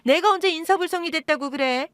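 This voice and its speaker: A woman's voice: quick pace, a bit bright, no echo, clean studio sound. A woman voicing a scheming middle-aged birth mother who whines, pleads and flares up indignantly, in an audio drama. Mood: wheedling. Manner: wheedling, indignant, talks in high pleading bursts. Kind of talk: Korean audio-drama acting.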